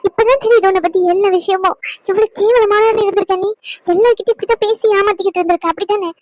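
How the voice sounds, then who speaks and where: A woman's voice: extremely high pitch, fairly even intonation, fast, darkish tone, no echo. A woman voicing a young wife in a cartoon drama, pleading and bitterly reproachful toward her husband. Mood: hurt. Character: young wife, hurt and fed up.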